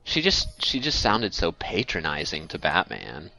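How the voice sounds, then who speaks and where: Relaxed man with a lively voice. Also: low voice, unhurried, vocal fry, rough recording. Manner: relaxed, chuckling. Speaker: podcast co-host. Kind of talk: casual chat.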